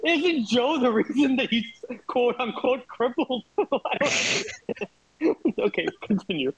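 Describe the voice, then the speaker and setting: Wry male podcast panelist in casual chat, husky voice, close dry sound. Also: very high-pitched, lively intonation, slow, no echo, poor audio.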